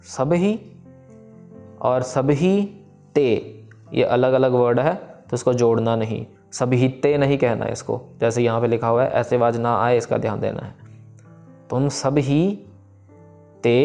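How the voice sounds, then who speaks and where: A man's voice: medium pitch, muffled recording. Patient man teaching recitation. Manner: patient, repeats words slowly syllable by syllable. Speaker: teacher of scripture pronunciation. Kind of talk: recitation lesson, explaining and chanting slowly. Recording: soft music bed behind.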